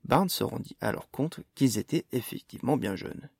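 A man narrating a fantasy audiobook with a steady, expressive reading. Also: medium pitch, moderate pace, creaky, no room sound, clean studio sound.

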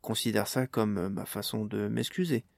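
An awkward, halting man, as a reader voices him, stumbling over fillers and unfinished sentences. His voice is gravelly and dry, close to the mic. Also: fairly low pitch, steady tone, dry recording. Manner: stammering, halting. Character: awkward flustered man, hesitant.

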